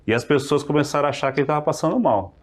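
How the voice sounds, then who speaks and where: A man, a podcast guest telling a religious testimony in an animated way, acting out the dialogue. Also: fairly high pitch, racing. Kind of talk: testimony storytelling.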